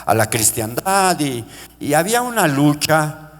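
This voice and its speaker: A middle-aged male pastor preaching a sermon with passion, calling out to his congregation and lifting his voice high when he quotes cries for mercy. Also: sing-song, a little slow. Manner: impassioned preaching, pitch rising into shouted quotes; addresses congregation as brothers. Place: church sanctuary. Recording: long church-hall reverb.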